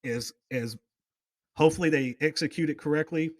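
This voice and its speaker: A man's voice: a little high, normal speed, dry recording, studio quality. A man hosting a casual talk show, telling rambling, enthusiastic fan stories with plenty of tangents. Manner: rambling storyteller, goes off on tangents. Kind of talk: casual chat.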